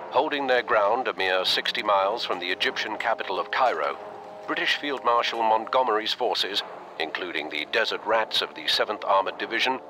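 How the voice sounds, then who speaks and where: A man narrates scripted, documentary-style war narration for a game cutscene, grave and measured. His voice is on the low side, with background noise in the recording.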